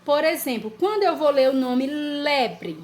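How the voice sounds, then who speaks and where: A woman teaching small children in a lesson video, coaxing them along with tag questions and slowly dictating sentences twice over. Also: high voice, lively intonation, darkish tone. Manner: dictates sentences slowly, repeating each one. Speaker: primary school teacher. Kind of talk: slow, clear lesson for young children. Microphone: recorded lesson video.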